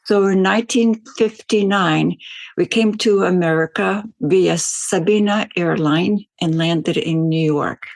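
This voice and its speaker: A woman's voice: fairly low pitch, unhurried, creaky, dry recording. An older woman from Belgium, a veteran ambassador, answering interview questions in a rambling, storytelling way with many fillers.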